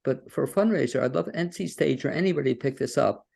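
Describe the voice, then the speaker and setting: This is a podcast host, a man with a gravelly, darkish, mid-range voice who talks fast. He conducts interviews over a video call from his home studio, rambling folksily with plenty of fillers and restarts.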